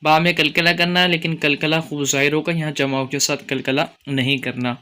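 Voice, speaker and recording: Bright, clear-voiced Quran tutor. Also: male voice, a little high, flat delivery. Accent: Pakistani Urdu. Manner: explains rules, then chants verses slowly. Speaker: Quran teacher. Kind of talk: tajweed lesson with chanted recitation.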